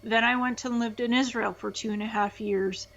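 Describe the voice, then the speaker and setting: A Ukrainian woman gives earnest testimony as an interview guest, often restarting her phrases. Her voice is fairly high and fairly bright, with fairly even intonation, a moderate pace, and vocal fry. The recording sounds slightly dull and lo-fi.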